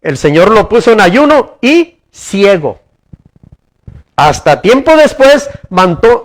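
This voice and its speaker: High-voiced preaching pastor. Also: male voice. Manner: preaching with rhetorical questions to the congregation, repeating words as he goes. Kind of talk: sermon. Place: church.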